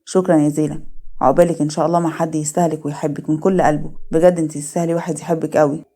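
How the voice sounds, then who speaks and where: Woman doing a young guy, voice pushed low, egyptian accent, plain talk. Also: level tone, racing, dark tone. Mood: gentle. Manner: lowered voice, plain. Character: young man about to be engaged.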